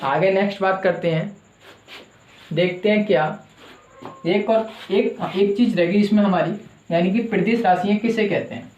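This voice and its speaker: A man's voice: high-pitched, normal speed, pauses often, darkish tone, roomy sound, slight background noise, low-quality recording. A male teacher giving a classroom lecture who asks his own questions and answers them, repeating the key terms.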